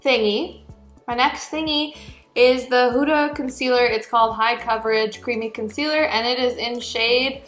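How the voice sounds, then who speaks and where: Giggly tipsy young woman, high bright voice. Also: steady tone, normal speed. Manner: giggly, tipsy, playful and silly. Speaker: host of a sisters' makeup tutorial. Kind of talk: casual chat while demonstrating makeup. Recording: roomy echo, faint music behind.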